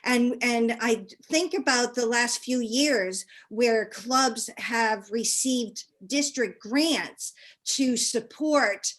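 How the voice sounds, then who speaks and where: A woman's voice: fairly high pitch, drawn-out words, fairly bright tone. A woman serving as district governor, speaking earnestly on a video call.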